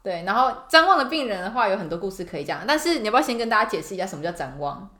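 A woman's voice: medium pitch, very animated, racing, bright, forceful tone, reverberant. A woman nurse hosting a casual chat, telling work stories with lots of laughter and acted-out voices. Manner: giggly, acts out patients' voices. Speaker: podcast host, nurse.

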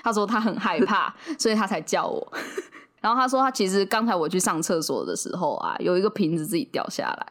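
A woman's voice: mid-range voice, sing-song, brisk, a bit bright. A young woman with a Taiwanese Mandarin accent, co-hosting a casual podcast chat and telling stories with frequent laughs. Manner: chatty storyteller, laughs often. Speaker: podcast co-host.

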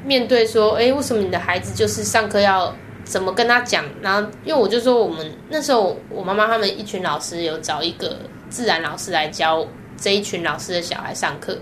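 A woman with a Taiwanese Mandarin accent, a guest telling candid personal stories in an animated way, laughing often and acting out the voices she quotes. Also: medium pitch, a little fast, slight background noise.

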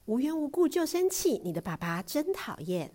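A woman voicing a gentle, patient mother who coaxes softly and sometimes hushes to a whisper. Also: high-pitched, sing-song, normal speed, voice pushed up. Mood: coaxing. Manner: soft, coaxing, hushed at times.

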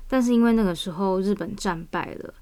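A woman's voice: medium pitch, a little fast, dark tone. A woman with a Taiwanese Mandarin accent hosting a casual personal podcast monologue, her voice weak and under the weather. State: weak voice from vaccine side effects. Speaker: podcast host.

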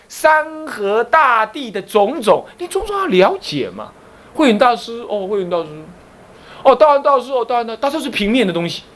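With a very high, fairly bright voice and a Taiwanese Mandarin accent, a male abbot gives an animated Buddhist lecture. Along the way he quizzes the class and pokes fun at them in jokey asides.

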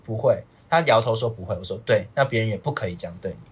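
A young Taiwanese man chatting as a podcast guest, his Mandarin quick and full of pitch swings. His voice is a bit husky, and he strings anecdotes together in loose, rambling runs. He sounds casual and lively throughout. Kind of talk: casual chat, storytelling.

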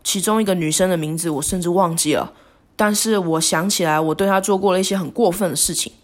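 Woman doing a solo podcast, halting and sorry-sounding, lots of restarts. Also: fairly low pitch. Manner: halting, remorseful, with frequent restarts. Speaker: podcast host. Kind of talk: reflective solo podcast monologue.

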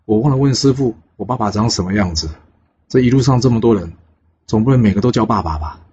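A man's voice: on the low side, quick pace, darkish tone, lightly acted. A man voicing an eager, naive young male warrior who has grown wings, talking earnestly with frequent exclamations. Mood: fretting. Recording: dull lo-fi with faint hiss.

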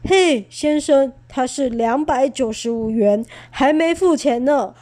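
A woman doing a bossy shrill cashier. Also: unhurried, a little mellow. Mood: insistent. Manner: insistent, bossy. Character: bossy store cashier, insistent and loud.

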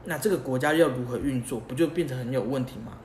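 Here a young man with a mid-range voice speeds through a casual podcast explanation, lively and peppered with rhetorical questions and chuckles at himself. Faint hiss and a roomy echo color the recording.

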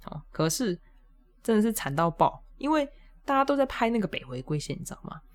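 A woman, hosting a podcast and telling a funny story in a casual, animated way, often laughing and jumping up high when exasperated. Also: fairly quick. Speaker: podcast host.

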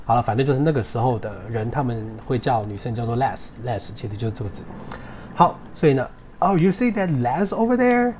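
A man hosting a casual podcast English lesson, chatting loosely and spelling words out slowly letter by letter. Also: medium pitch, darkish tone, a little hiss or hum. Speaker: English teacher podcast host.

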